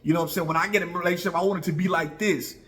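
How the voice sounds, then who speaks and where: He talks rapid-fire in a high-pitched, steady, fairly bright voice. An American in his early 40s who comments in online videos, he shares casual opinions with viewers in a conversational way, repeating himself for emphasis and often checking in with his listeners.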